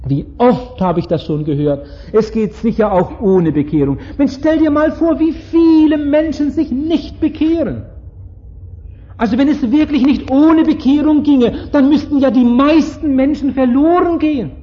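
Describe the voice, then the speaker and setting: A man preaching a sermon with fervent, pleading emphasis, slowing down and growing solemn when he quotes scripture. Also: extremely high pitch, lively intonation. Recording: dull lo-fi recording.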